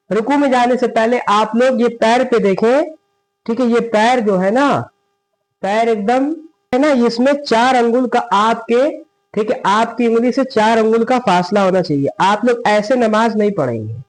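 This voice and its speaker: A man teaching a step-by-step prayer lesson, asking and answering his own questions and reciting prayer phrases slowly. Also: sits high, darkish tone, poor audio. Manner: asks and answers his own questions, frequent "theek hai" checks. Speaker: religious teacher.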